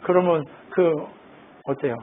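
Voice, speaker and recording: Pastor guy preaching, keeps asking the crowd stuff and answering it, high voice, tinny phone-like sound with faint hiss. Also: measured pace. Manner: asks the congregation questions and answers them himself. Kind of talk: sermon.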